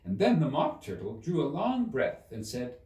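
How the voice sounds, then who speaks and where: A man narrates a storybook with very lively, expressive intonation. His voice rings in an echoey room, a little away from the microphone. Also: medium pitch, moderate pace. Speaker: storybook reader. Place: indoors, in a roomy space. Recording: echoey room, distant mic.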